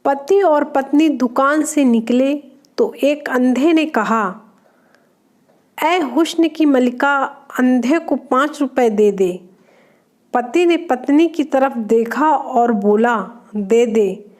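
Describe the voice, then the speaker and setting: A woman's voice: high-pitched, takes it slowly, a little mellow. A woman reading short jokes aloud, naming each speaker before their line. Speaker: joke reader.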